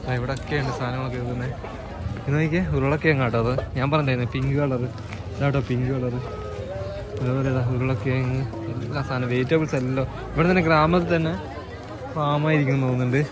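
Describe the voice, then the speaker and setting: A man travel vlogger casually narrating outdoors while walking through hills and a market, chatty and guiding viewers. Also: medium pitch. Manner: chatty, guiding viewers, often tags sentences with "you know". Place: outdoors on a tea estate, hills and a village market.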